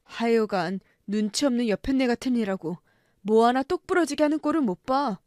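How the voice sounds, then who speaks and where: A woman's voice: on the high side, expressive, normal speed, darkish tone, no echo, clean studio sound, natural voice. A woman voicing a drunk, violent middle-aged husband who talks harshly and scornfully in a story radio drama. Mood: drunken rage.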